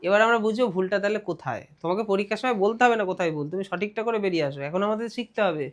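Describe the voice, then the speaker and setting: A high-pitched male teacher with a Bengali accent runs a classroom grammar lesson. He reads English phrases slowly, explains them briskly, and keeps putting questions to his students.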